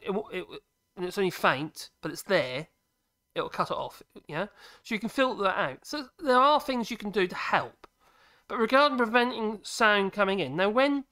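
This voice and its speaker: A woodworking channel host chats casually on a live stream from his cluttered home workshop, rambling and correcting himself. His fairly high voice is husky today, with a bright, forceful tone. He uses a cheap USB desk microphone, and an air compressor runs at times.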